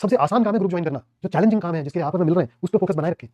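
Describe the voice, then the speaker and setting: Brief: male online tutor, rapid-fire delivery, higher voice with a mellow tone, dull lo-fi recording. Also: no echo. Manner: lively, conversational, acts out little dialogues. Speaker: teacher. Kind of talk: online class lecture.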